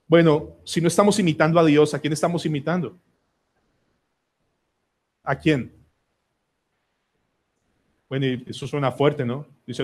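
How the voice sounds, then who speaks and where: A man's voice: a little high, darkish tone. A Colombian man preaching a sermon as pastor, emphatic and pleading, putting question after question to the congregation. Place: church sanctuary.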